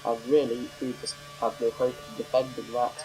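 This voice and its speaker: Over faint background music, a man with a mid-range, darkish voice and little pitch movement speaks at normal speed on a low-quality recording. He's a gameplay commentator with a cold, slightly nasal, rambling casually about his racing game while correcting himself and filling pauses.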